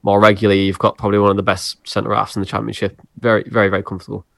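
A man's voice: lowish voice, little pitch movement, rapid-fire, creaky, a bit bright, no room sound, studio quality. A man talking football as a fan podcaster, chatty and casual, often repeating words for emphasis. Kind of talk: casual sports chat.

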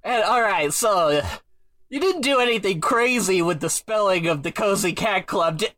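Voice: mid-range voice, expressive, normal speed, a bit bright, no room sound. A podcast co-host recapping an old TV episode in dry, laughing, casual chat.

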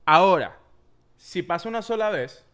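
A Venezuelan man co-hosts a casual podcast, spinning a story loosely with slang and plenty of fillers. His voice is a touch high for a man and sounds smooth and clear. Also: animated, normal speed, a bit bright. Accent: Venezuelan Spanish. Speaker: podcast co-host. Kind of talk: casual chat.

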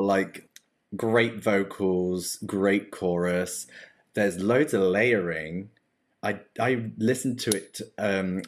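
A man co-hosting a casual music podcast, thoughtful and a little hesitant. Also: on the low side. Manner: thoughtful, hesitant, drawn-out phrasing. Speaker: podcast co-host. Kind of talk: casual chat.

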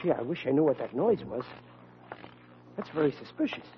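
In a 1940s radio comedy, an actor plays a bumbling, good-hearted young policeman with folksy blue-collar speech, sounding worried and muttering. His mid-range voice is very animated, at a moderate pace and lightly acted. The vintage radio recording is noisy and muffled.

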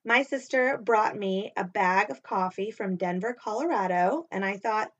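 A woman's voice: medium pitch, moderate pace. An American woman co-hosting a podcast in casual, enthusiastic chat, recorded remotely on a laptop. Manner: chatty, enthusiastic. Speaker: podcast co-host. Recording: dull lo-fi laptop audio.

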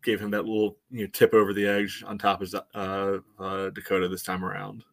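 Casually analysing sports as a podcast co-host, this American man speaks in a fairly low, monotone voice with vocal fry and a slightly bright quality. He's measured and halting, with a dry wit.

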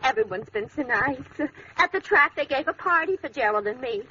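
A brassy, wisecracking tough dame. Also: female voice, sits high, lively intonation, a little fast, sharp tone, a little hiss or hum. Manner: wisecracking, brash, calls everyone dearie. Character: brassy, tough-talking woman, man-hunting and catty. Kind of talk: 1940s radio comedy acting. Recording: muffled old radio broadcast.

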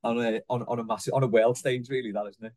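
A man's voice: medium pitch, fairly even intonation, quick pace, darkish tone, no room sound. A man hosting a podcast, chatting in an easygoing way with short agreeing replies. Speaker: podcast host. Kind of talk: casual chat.

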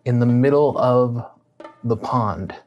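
A woman with an unusually deep voice narrates as game master of a tabletop game. She describes each room in a loose, easygoing way, with fillers and restarts. Faint music plays underneath. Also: slow, highs cut off.

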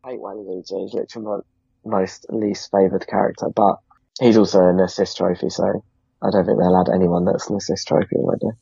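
A man who is sick talks as a guest in a casual gaming chat, his voice hoarse, gravelly and husky. He is laid-back and chuckles now and then. The recording is dry and dull, like a lo-fi mic. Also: low-pitched, little pitch movement, fairly quick, warm tone, no room sound. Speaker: podcast guest.

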